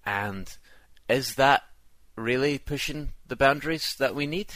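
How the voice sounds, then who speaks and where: A man's voice: mid-range voice, measured pace, sharp tone, no room sound. A man co-hosting a casual podcast, chatty and rambling. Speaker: podcast co-host. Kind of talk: casual chat.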